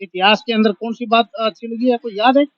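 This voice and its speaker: A man's voice: extremely high pitch, steady tone, fairly quick, no room sound. Male reporter, playful cheering interviewer, casual chat, lo-fi dry recording. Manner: playful and cheering, hesitant fillers.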